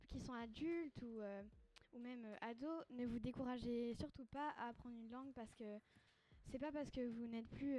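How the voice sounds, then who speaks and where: A young woman speaks casually, stopping often to search for words. Her voice sits a little high, with a soft, mellow tone. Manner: hesitant, many fillers. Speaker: student in a class discussion. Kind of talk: casual discussion.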